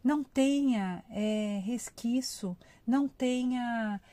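A woman's voice: a little high, slow pace, dry recording. A woman giving an informal devotional talk, chatting with her listeners and acting out heartfelt prayers. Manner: warm conversational, addresses listeners as "gente"; acts out emotional prayers. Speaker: devotional speaker.

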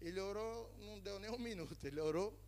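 A man's voice: sits high, fast talker, darkish tone. A male pastor from Brazil preaching a sermon to his congregation in a church in Spain, mixing Spanish words into his Portuguese and calling out to the people. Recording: long reverb of a church hall.

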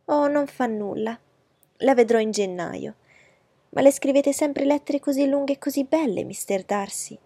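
A woman's voice: high voice, measured pace, dark tone, slightly rough, no echo, pitched above the performer's own voice, full character voice. A woman reading aloud voices a young society lady who fawns eagerly and insists on her compliments. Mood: gushing.

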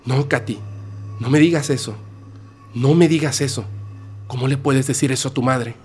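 A man's voice: mid-range voice, moderate pace, a little mellow, soft background music, pitched above the performer's own voice, lightly acted. A man voicing a grieving, stubborn ghost mother who pleads in a raised, tearful way. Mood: upset pleading.

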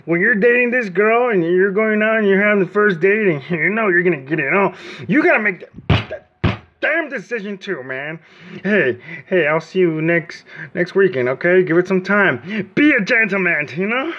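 A man's voice: sits high, muffled recording. A man in his late forties hosting a mock radio show from home, rambling and joking in a loose comedic monologue. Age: 40s. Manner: rambling, joking, often laughing. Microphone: phone.

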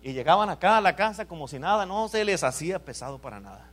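High-voiced pastor preaching. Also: male voice, fast. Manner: animated preaching, swinging from loud calls to quiet asides; repeated "amén" calls to the congregation. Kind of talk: sermon.

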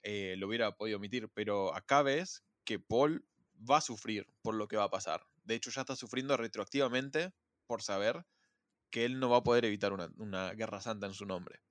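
A man's voice: on the low side, brisk, no echo. Rioplatense man, casual podcast chat, slangy and emphatic, dry sound. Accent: Rioplatense Spanish. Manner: rambling, slangy, argues with animated emphasis. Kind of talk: casual chat about films.

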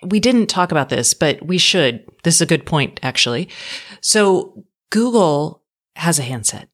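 Low-voiced woman chatting tech news on a podcast, frank and dry, trails off. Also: animated, a little slow. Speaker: podcast co-host. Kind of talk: casual tech podcast chat.

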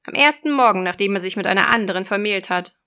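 A woman voicing a cruel, scheming old sea witch in a storybook reading, loud and sneering. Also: medium pitch, fast talker, clean tone. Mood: menacing, sneering.

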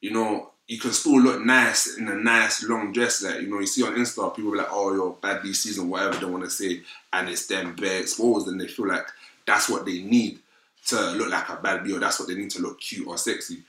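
Young London man, roadman accent and slang, low forceful voice, roomy echo. Casual, opinionated panel talk. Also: steady tone, a little fast. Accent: London, urban street style. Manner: London roadman slang, frequent "fam" and "innit". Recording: roomy, echoing sound.

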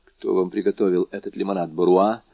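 A man voicing a grave, composed male doctor who speaks in a measured, low, sometimes hushed way. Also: flat delivery, gravelly, slightly rough, dry recording, exaggerated voice. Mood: urgent. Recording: dull dry lo-fi recording.

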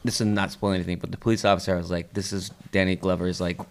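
A young man on a podcast with a deep, low voice. He talks fast in casual chat. He often stumbles and restarts his sentences partway through. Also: flat delivery. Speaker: podcast co-host.

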